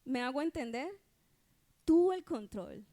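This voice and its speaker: A woman with a Colombian accent speaks in a high voice during a church sermon. She tells her testimony in an earnest, conversational way, often pausing to ask whether listeners follow. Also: lively intonation, dark tone.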